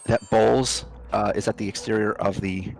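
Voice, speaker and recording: Low, creaky male game master. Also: fairly even intonation. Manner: halting, descriptive. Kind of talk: improvised tabletop game narration.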